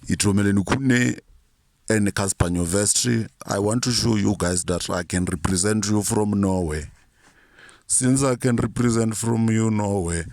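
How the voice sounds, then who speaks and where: A lowish-voiced man holds forth in a dry, close recording. He rants in a boastful, profane mock-courtroom style, tripping over his words and restarting often. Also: a little mellow, no echo. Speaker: self-styled reverend vlogger. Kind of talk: rambling comic monologue to camera.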